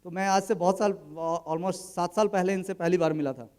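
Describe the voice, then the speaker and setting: Very high-pitched man telling stories on stage. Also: steady tone, fairly quick, darkish tone, clean tone. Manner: colloquial, acts out dialogue in his anecdotes. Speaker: speaker at a business event. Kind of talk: motivational stage storytelling.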